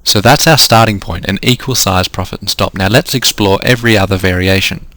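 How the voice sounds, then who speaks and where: The speaker is an Australian man coaching a trading lesson on screen recording, stepping through numbers while his voice fades. It's a low, somewhat bright voice delivered fairly quickly, with no room sound.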